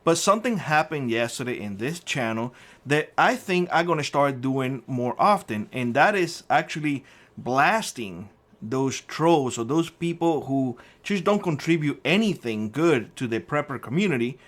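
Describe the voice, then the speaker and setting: A man's voice: medium pitch, lively intonation, a little slow, a bit bright. A middle-aged man from Cuba with a Cuban Spanish accent, hosting a prepper vlog and ranting combatively at a commenter, with frequent swearing. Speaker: prepper channel host.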